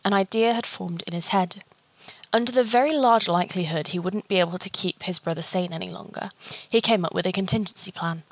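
Woman narrator, mid-pitched, reading a story steadily; close, dry recording. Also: no echo. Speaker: fan fiction reader.

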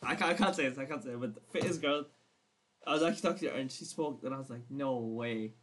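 A man's voice: medium pitch, quick pace, fairly bright tone. A young man co-hosting a casual podcast chat, playful and teasing, swearing often. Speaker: podcast co-host.

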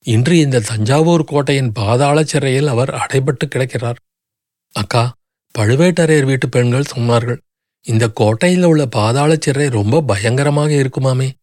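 A man voices a grief-stricken young noblewoman pleading desperately through sobs. His mid-range, slightly mellow voice is close to an everyday one, moving at a moderate pace in a dry, clean studio recording.

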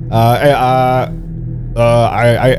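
A Singaporean man plays through an improvised comedy skit. His speech is colloquial Singlish peppered with particles and switches into Malay. His pitch is average, and music plays clearly behind him. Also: little pitch movement, slow pace. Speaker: podcast performer leading the skit. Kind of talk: improvised comedy role-play.

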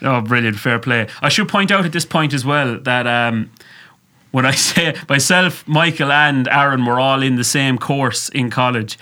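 Male podcast host, west of Ireland accent, bright punchy voice, jokey and sweary casual interviewing. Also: medium pitch, normal speed, hardly any pauses. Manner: jovial, sweary banter.

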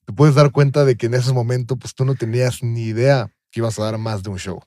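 Brief: Mexican male host, mid-pitched, rambling questions, dry room. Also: fairly even intonation, a little fast, dark tone, dry recording. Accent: Mexican Spanish. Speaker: podcast host. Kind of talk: casual interview chat.

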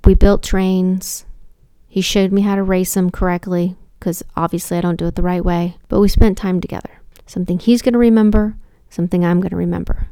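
A woman in her thirties or forties, a mother of four, telling a personal story in an animated, self-deprecating way and talking straight to the listener. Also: lowish voice, a little fast, clean tone, no echo.

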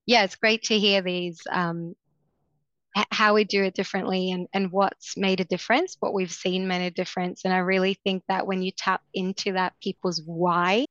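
Smooth-voiced woman moderating a panel. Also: medium pitch, level tone, fairly bright tone, no room sound, muffled recording. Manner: measured, encouraging, frequent fillers.

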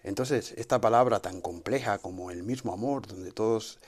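A man from giving a measured, slightly formal introduction to a podcast. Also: on the low side.

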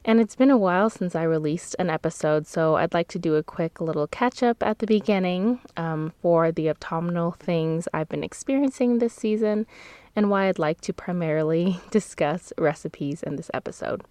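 A woman with a somewhat low voice chats through her podcast from inside a closet stuffed with clothes. The close mic and the padding leave the sound very dry and dead. She laughs easily and fixes her own slips as she goes. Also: normal speed, a little mellow, clean tone, no echo. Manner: chatty, laughs often, corrects herself mid-sentence. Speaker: podcast host. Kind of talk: casual seasonal podcast chat. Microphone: close microphone.

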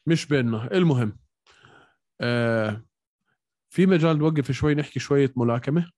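A man's voice: mid-range voice, normal speed, a little mellow, no echo, clean studio sound. A man with a Levantine Arabic accent co-hosting a casual sports chat, explaining technique in everyday words. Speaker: co-host of an MMA podcast.

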